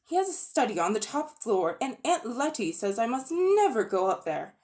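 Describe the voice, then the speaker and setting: A woman voicing a miserable young boy in a storybook reading, talking in an upset, wound-up way, her voice raised higher than her narration. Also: very animated, normal speed, a little mellow. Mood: secretive. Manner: upset, wound up, near tears.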